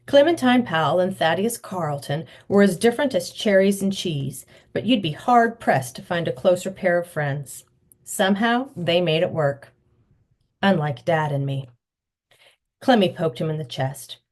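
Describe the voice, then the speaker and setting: A woman author reads her children's novel aloud, telling the story expressively and acting out the dialogue. Her voice is on the low side and a little slow.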